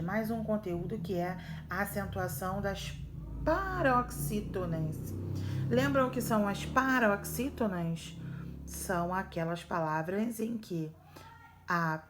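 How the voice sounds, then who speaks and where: A woman's voice: medium pitch, background noise. Patient Brazilian woman teacher explaining exercises. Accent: Brazilian Portuguese. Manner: patient, checks in with frequent "ok?" and "tá?". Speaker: primary school teacher. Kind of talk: recorded remote lesson walkthrough.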